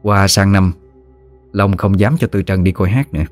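Low-voiced man telling a folksy story. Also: normal speed. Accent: Southern Vietnamese. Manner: lively, slangy, teasing. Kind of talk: colloquial story narration. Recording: faint music behind.

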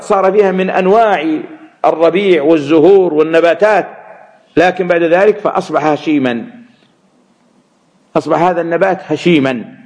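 A man teaching Quran commentary, measured and repeating words to stress them. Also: high voice, a little mellow. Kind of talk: religious lesson explaining verses.

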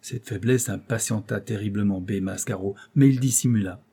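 Male audiobook narrator, measured novel reading, dark mellow husky voice. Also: fairly low pitch. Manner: measured, storytelling.

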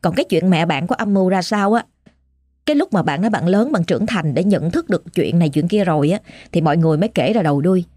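A woman's voice: fairly low pitch, expressive, fast, dark tone, no room sound. A woman with a Southern Vietnamese accent telling a ghost story in a chatty, dramatic way, speaking to the listener directly.

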